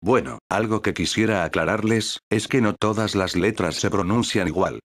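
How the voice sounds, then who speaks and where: Synthetic text-to-speech man, low and dry. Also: normal speed, a bit bright, no echo. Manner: evenly paced synthetic text-to-speech reading. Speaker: narrator. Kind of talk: scripted educational narration.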